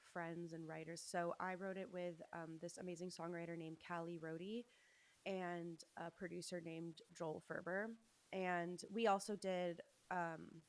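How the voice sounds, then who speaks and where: A young woman from Los Angeles, a musician guest chatting casually in an interview, with many fillers and restarts. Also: fairly low pitch. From Los Angeles, USA.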